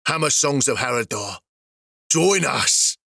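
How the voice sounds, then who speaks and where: A man voicing a booming cruel dwarf king. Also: lively intonation, vocal fry, bright, forceful tone, dry recording, clean studio sound, exaggerated voice. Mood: gloating. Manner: booming, slow, grandly commanding. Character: proud cruel dwarf king, loud commanding ruler.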